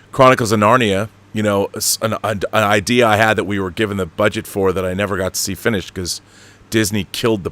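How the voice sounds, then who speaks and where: This middle-aged American livestream host talks film and books, taking viewer questions in a casual but strongly opinionated way. He curses liberally, stresses his points and often goes off on tangents, in a low-leaning, fairly bright voice.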